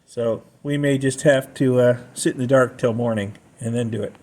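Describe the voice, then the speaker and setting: A man with a steady, darkish, medium-pitched voice walks around his home during and after a storm, casually describing what he sees for a homemade vlog. He speaks at a moderate pace, and background noise comes through on the handheld recording.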